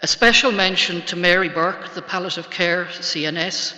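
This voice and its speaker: A woman's voice: fairly low pitch, normal speed, bright, forceful tone. Faltering, tender Irish woman in an echoing church. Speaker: bereaved sister giving thanks at a funeral. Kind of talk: funeral eulogy. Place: large church, speaking to a congregation. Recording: muffled, echoey church hall reverb.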